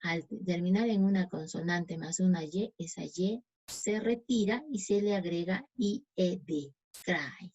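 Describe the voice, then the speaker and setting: A Spanish-speaking woman teaching English grammar, slowly reading out example sentences and often checking in with her students. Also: fairly low pitch, a little mellow, slightly rough. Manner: slow, reads English examples deliberately, checks in with "¿sí?". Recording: dull lo-fi sound.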